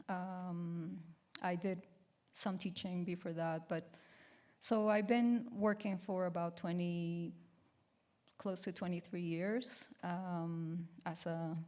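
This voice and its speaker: A woman in her fifties from Colombia giving an art lecture with slides, pausing often with many ums and restarts. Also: medium pitch, darkish tone. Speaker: guest artist giving a lecture.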